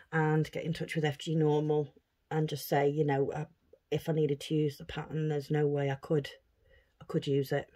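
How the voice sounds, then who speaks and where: A woman's voice: low-pitched, mellow. A woman chatting casually on her craft vlog, thinking aloud as she unpacks things. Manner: chatty, thinking aloud while handling items. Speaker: craft vlogger. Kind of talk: casual unboxing chat.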